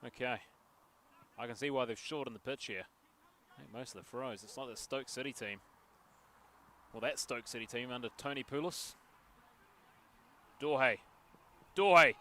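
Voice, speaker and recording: Male commentator, bright and forceful tone, chatty local football coverage outdoors with excited bursts. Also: medium pitch, normal speed, long pauses. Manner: chatty, jokey asides, excited bursts at chances. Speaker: match commentator. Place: outdoors at a local sports field. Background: passing traffic.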